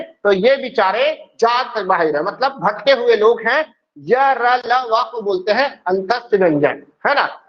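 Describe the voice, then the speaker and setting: Man lecturing a class, high-pitched voice, muffled lo-fi audio, checks in constantly, answers his own questions. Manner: explains step by step, keeps checking with "ठीक है"; asks questions and answers them himself. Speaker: teacher. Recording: dull lo-fi sound.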